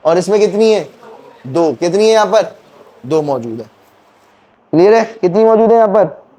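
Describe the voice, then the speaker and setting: A man's voice: high voice, expressive, normal speed, mellow. A male teacher giving a classroom anatomy lecture, quizzing students and counting bones aloud. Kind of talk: classroom lecture with call-and-response questions.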